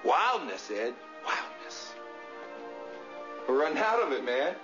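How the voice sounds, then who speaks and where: A man's voice: mid-range voice, a little fast, lightly acted. An actor playing an intense man preaching about how unsafe the world is. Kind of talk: TV drama dialogue. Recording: dull TV audio with music.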